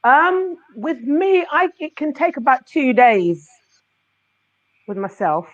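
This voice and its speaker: A woman's voice: sits high, very animated, takes it slowly. Hesitant woman chatting, dull sound. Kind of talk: casual chat.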